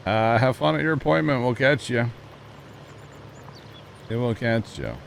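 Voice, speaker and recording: A man's voice: medium pitch, measured pace, vocal fry, a little hiss or hum. A man on a livestream, talking casually into a headset mic while he plays a farming game and greets his chat. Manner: greets chat viewers casually, relaxed and chatty.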